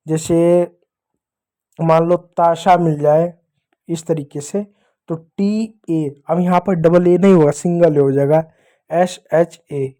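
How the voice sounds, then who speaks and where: A man teaching young children, explaining step by step in a slow, patient way and spelling out letters one by one. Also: fairly high pitch, warm tone. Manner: slow, patient, repeats points to young pupils. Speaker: English teacher.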